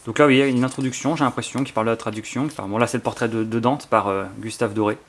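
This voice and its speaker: A man with a French accent races through a casual unboxing chat, his mid-range voice holding a steady tone over slight background noise. A YouTuber showing his book collection, he eagerly pages through a book, rambling with lots of fillers and restarts.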